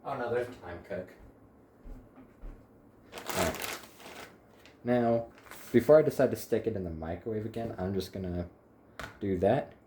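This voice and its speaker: A man's voice: on the low side, measured pace, long pauses, warm tone, slight background noise. A man chatting casually to the camera while cooking in his home kitchen, rambling with wry little asides. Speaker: home cook, channel host.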